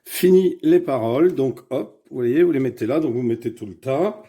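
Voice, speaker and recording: A man's voice: medium pitch, lively intonation, moderate pace, mellow. A man casually explaining board game rules, hesitant and full of fillers as he sorts cards at a table. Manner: hesitant, many fillers, thinks aloud while sorting cards. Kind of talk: casual how-to demonstration.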